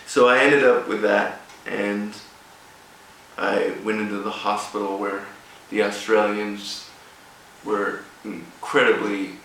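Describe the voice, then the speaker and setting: At a rugby club event, a guest speaker with a fairly low, gravelly, slightly bright voice gives an informal motivational talk built around a personal story. His pitch barely moves and his phrases come halting and broken. A distant mic in a very echoey room before an audience picks him up with faint noise.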